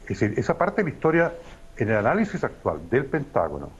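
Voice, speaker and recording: A man appears as a guest analyst on a talk show, lecturing in an emphatic, professorial way with frequent hesitations. His medium-pitched voice is husky, swoops wildly in pitch, and he talks fast, though the audio is dull.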